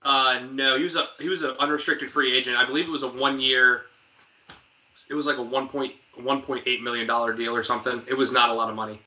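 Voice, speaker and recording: Podcast co-host, man, very bright tone, dull lo-fi sound, casual sports banter. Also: mid-range voice, little pitch movement. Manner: quizzing, joking, quick asides.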